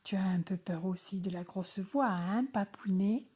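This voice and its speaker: A woman voicing a grumbling little boy frog, with a high, complaining childlike tone. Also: unhurried, dark tone, slightly rough.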